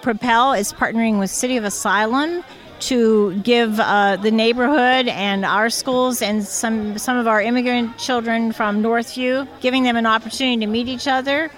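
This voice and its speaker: A woman's voice: on the high side, steady tone, normal speed. A woman who directs after-school programs, speaking in an interview with a few hesitant fillers. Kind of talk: interview soundbite.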